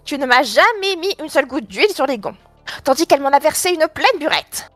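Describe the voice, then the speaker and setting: A heavy old gate from a fairy tale that finally speaks its grievance, voiced by a woman reader. The voice lifts high. Dry, close sound. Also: big pitch swings, a little fast, a bit bright, dry recording, soft background music. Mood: aggrieved. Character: creaky old talking gate, aggrieved.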